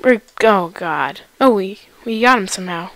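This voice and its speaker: A woman hosts a gaming video with live commentary on her play. She comes across as an excitable, easily panicked gamer with a mid-range voice. The sound is dry, with very little room echo. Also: mid-range voice, moderate pace.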